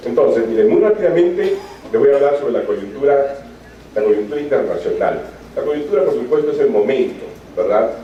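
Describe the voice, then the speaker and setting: A man's voice: medium pitch, dark tone. A man giving a university lecture in a conversational way, often adding tag questions and fillers. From Peru. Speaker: guest lecturer. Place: lecture hall. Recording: echoey hall from far off, dull sound.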